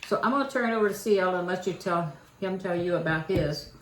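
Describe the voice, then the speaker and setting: Older kentucky lady vlogging at home, folksy and chatty, lowish voice, echoey room. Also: fast. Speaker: channel host. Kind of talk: casual home vlog chat. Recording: echoey room with faint noise.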